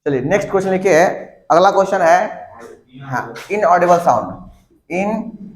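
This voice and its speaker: A man's voice: high voice, lively intonation, moderate pace. A male teacher giving a classroom lecture, repeating and dictating terms to his students and asking them questions. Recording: echoey classroom.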